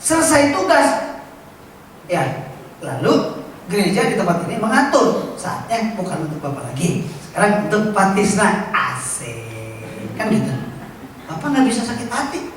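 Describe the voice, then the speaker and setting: A man's voice: sits high, very animated, a little slow. Brief: playful male preacher, recorded from afar in a big echoing hall with faint noise. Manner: playful, teasing, asks the congregation questions. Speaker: pastor. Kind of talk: sermon with a live illustration. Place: large church hall. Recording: very echoey church hall from far off, faint noise.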